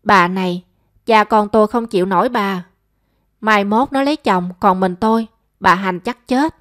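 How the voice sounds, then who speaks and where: A woman voicing a mild, weary older father who speaks softly and patiently, in a dry close recording. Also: mid-range voice, normal speed, no echo, natural voice. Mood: gentle. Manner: soft, patient, resigned.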